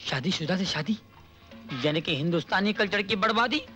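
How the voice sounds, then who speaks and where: Cheeky comic guy, bright snappy voice, faint music behind. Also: high-pitched. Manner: quick comic banter. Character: brash wisecracking comic man, cheeky. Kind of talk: 1990s film comedy acting.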